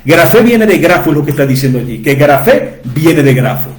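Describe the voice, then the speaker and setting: A man's voice: fairly high pitch, sing-song, a little fast, reverberant, slight background noise. A man teaching from the Bible to his listeners, repeating key words and asking rhetorical questions for emphasis. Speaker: preacher.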